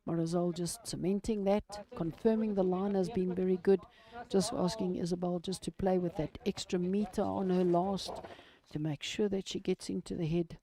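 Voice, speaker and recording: A woman giving live lawn bowls commentary in a measured golf-style manner, describing each shot in short phrases. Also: on the low side, fairly even intonation, warm tone, rough recording.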